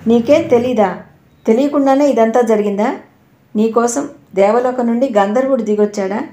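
A woman's voice: medium pitch, brisk, mellow, echoey room, close to an everyday voice. A woman voicing an angry, suspicious young husband who mocks and accuses his wife in a harsh way.

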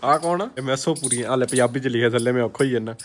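Speaking very fast in a medium pitch, a young Punjabi-accented vlogger shows off his collection to the camera in a small indoor room. His informal chat is sprinkled with English words, and a faint hiss or hum sits under the recording.

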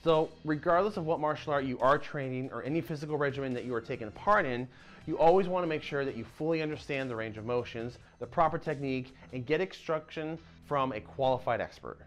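Animated man presenting to camera. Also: mid-range voice, fairly quick, soft background music. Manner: animated, talks with his hands, casual asides. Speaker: martial arts channel host. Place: dim indoor dojo-style room. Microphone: lapel mic.

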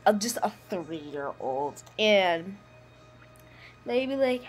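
A female vlogger talking in a chatty, slangy, animated way in a casual comedy video. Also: mid-range voice, extremely slow, faint music behind.

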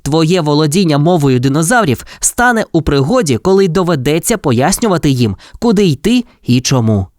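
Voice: mid-range voice, sing-song, normal speed, hardly any pauses, a little mellow, dry recording, studio quality, voice pushed up, natural voice. A reader doing a brave upbeat boy leader. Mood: commanding. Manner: cheerful, commanding.

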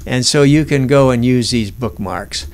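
A man's voice: mid-range voice, unhurried, a little mellow. A man giving an informal lesson while looking through documents on screen, rambling with restarts and fillers. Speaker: instructor.

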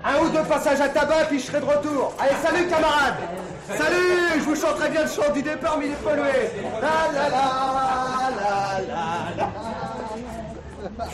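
A man's voice: a little high, animated, fast, crowd noise, close to an everyday voice. An actor playing a defiant militant man under arrest who mocks the police and preaches politics, in 1970s TV drama style. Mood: mocking. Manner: mocking, clowning, preachy.

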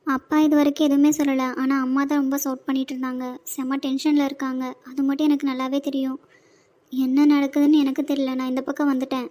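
A woman's voice: sits high, little pitch movement, fast talker, dark tone, natural voice. Woman voicing a worried young girl.

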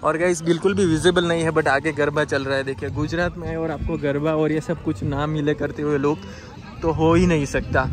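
On a hilltop shrouded in fog and rain, a young man vlogs his trip, chatting to "guys" in a slightly high, flat voice at a fairly quick pace. His phone is held at arm's length, and the outdoor audio carries clear background noise.

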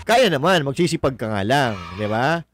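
A man's voice: mid-range voice, big pitch swings, moderate pace, slight background noise. A man doing casual political commentary on a livestream, mocking and combative, swearing and reading viewer comments aloud. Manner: mocking, combative, swears, laughs at own jokes.

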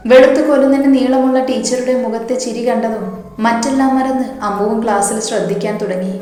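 Echoey woman storyteller. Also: on the high side. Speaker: story narrator. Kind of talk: scripted narration. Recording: echoey hall with soft music.

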